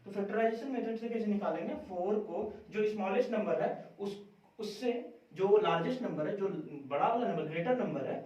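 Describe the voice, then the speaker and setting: A man's voice: high-pitched, brisk, a little mellow. A man teaching a math lesson in a classroom, often asking a question and then answering it himself. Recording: very echoey room, distant mic, dull sound.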